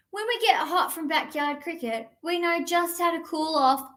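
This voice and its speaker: With a high, fairly bright voice, a woman leads storytime for young children, performing a picture book in a playful, theatrical sing-song and adding action songs.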